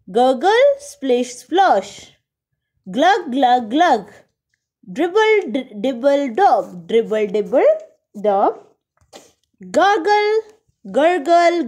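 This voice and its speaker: A young woman teacher giving a recorded lesson to small children. She reads English textbook lines slowly, explains them in Hindi-Urdu, and repeats sound words in a sing-song way. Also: fairly high pitch, a little mellow.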